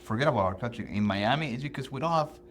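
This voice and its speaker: A man co-hosting a casual podcast chat, speaking in a passionate, animated, somewhat preachy way. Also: medium pitch, fast talker. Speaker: podcast co-host.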